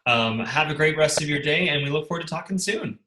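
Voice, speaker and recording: A man interviews a guest for his theater in a halting, filler-heavy way. His tone is bright and forceful, and the room rings with echo. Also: on the high side, expressive, a little hiss or hum. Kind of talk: casual interview.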